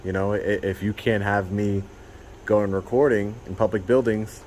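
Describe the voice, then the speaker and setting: Male, lowish voice, talkative citizen-journalist type, pressing and repetitive, slight background noise. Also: fairly even intonation, moderate pace, darkish tone, rough recording. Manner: talkative, insistent, repeats himself. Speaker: citizen recording public officials. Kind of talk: casual confrontational chat.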